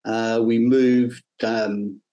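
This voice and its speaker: On a muffled recording, a middle-aged Englishman from the north and Midlands speaks as a neuroscience professor guesting on an academic interview. His mid-range, mellow voice has a flat delivery as he explains things hesitantly, thoughtfully and with measure.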